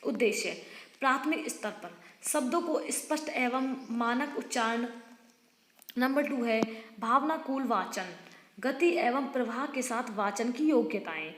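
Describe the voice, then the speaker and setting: A fairly high-pitched woman reads teaching notes aloud like a tutor going through exam material. She stumbles and restarts now and then and turns to her students for quick informal asides. The room rings with long, echoing reverb. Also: a little hiss or hum. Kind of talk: reading out exam study notes.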